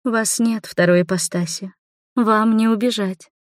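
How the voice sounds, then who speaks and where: A woman voicing a stern, ancient female swamp spirit who speaks slowly and coldly. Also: mid-range voice, fairly even intonation, dry recording, studio quality, voice pushed up, natural voice.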